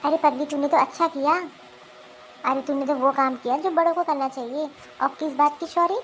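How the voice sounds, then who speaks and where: A woman voicing a remorseful, kind middle-aged mother-in-law in an animated cartoon, speaking earnestly. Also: high voice, normal speed, slight background noise, lightly acted, rough recording.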